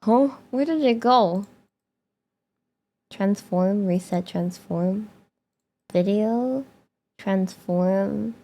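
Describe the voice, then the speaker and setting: A young woman streaming live, chatting casually with her viewers, excitable, laughing often and swearing freely. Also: mid-range voice, extremely slow, pauses often.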